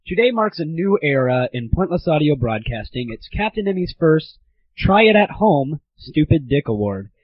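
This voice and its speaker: A teenage guy with a slightly high, very animated voice at normal speed hosts a comedy monologue on a gaming audio show. He's irreverent, crude and mock-grandiose, heard through dull lo-fi 1990s internet audio.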